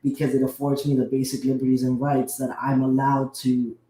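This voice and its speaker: A young man from the United States, a guest in a casual conversation, talking eagerly in rushes with many restarts. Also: medium pitch, monotone, warm tone. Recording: roomy echo.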